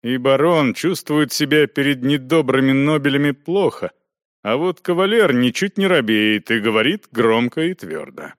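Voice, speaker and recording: A man narrating an audiobook in a measured, expressive storytelling manner. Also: mid-range voice, dry recording, studio quality. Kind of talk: scripted narration.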